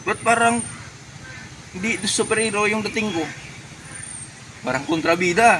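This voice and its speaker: A man playing a naive, excitable would-be superhero in a comedy skit, thinking aloud in melodramatic exclamations. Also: high-pitched, a little slow. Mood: wondering. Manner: exclamatory, melodramatic self-talk with villain-like laughing. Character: excitable naive man turning superhero after a chicken peck. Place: outdoors. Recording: noisy outdoor recording with vehicle sounds.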